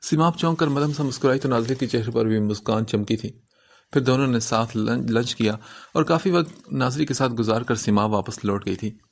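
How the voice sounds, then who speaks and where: A man reading an Urdu romance novel aloud as narrator, in an even storytelling manner. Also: mid-range voice, gravelly.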